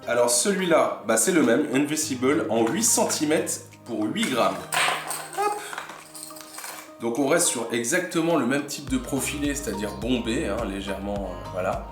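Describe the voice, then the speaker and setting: A man hosting a casual unboxing vlog, chatting admiringly about what he shows and often dropping to a soft murmur. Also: mid-range voice, lively intonation, moderate pace. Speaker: fishing channel host. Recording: echoey room with faint music.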